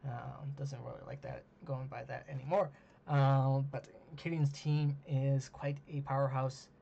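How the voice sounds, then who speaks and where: A man hosting a solo monologue, talking casually with many ums and uhs, losing his voice and clearing his throat. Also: mid-range voice, level tone, measured pace, dark tone. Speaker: host. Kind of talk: solo monologue ranking teams. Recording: dull lo-fi mic with faint hiss.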